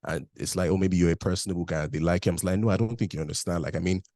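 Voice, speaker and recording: Racing through his story, this guest has a deep, warm, steady voice. He's a young man from Nigeria whose accent mixes Nigerian, British and Canadian, speaking candidly in a casual interview and saying "like" a lot. The recording is dry and studio quality.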